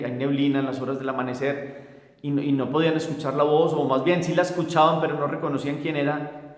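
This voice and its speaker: Priest preaching in an echoey hall. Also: male voice, mid-range voice. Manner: reflective, with frequent restarts and repetitions. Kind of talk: gospel meditation and prayer.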